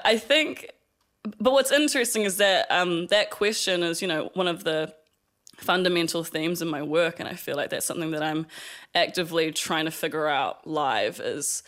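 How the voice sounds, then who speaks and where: A reflective young man from Fiji, chatting in an interview as an artist. His voice sits fairly high for a man, and he thinks aloud with fillers and soft laughs. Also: moderate pace. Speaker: artist guest. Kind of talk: casual interview chat.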